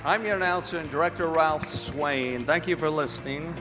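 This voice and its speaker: On a performing arts center stage, the announcer and director of a radio theater, a man with an American accent and a higher-pitched voice, reads credits and sponsor messages at normal speed in old-time radio style. The hall is echoey with long reverb, and background music bleeds in.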